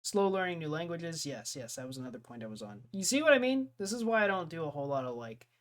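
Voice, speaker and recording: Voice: mid-range voice, very animated, fast. A young streamer in casual chat with live viewers, rambling, laughing often and jumping from topic to topic.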